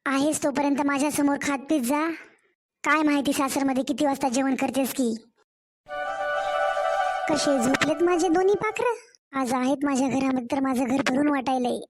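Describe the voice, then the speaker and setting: A woman's voice: high voice, normal speed, long pauses, loud music behind the voice, natural voice. A woman voicing a fussing village mother. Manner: fussing, coaxing. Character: older village mother, doting and worried. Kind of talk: cartoon story voice acting.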